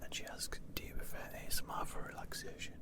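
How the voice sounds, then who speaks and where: Whispering ASMR creator from the UK. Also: fast. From United Kingdom. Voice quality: breathy unvoiced whisper. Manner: chatty, self-deprecating, playful. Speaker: ASMR creator answering viewer questions.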